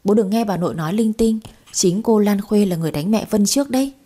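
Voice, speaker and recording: A woman voicing a bold, cheeky little girl who talks back quickly. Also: mid-range voice, warm tone, husky, lightly acted. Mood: feisty.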